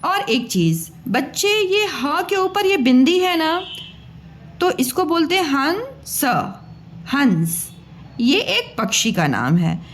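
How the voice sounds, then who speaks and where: A woman teacher giving a patient, coaxing lesson to children, sounding out letters slowly and repeating them. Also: extremely high pitch, sing-song.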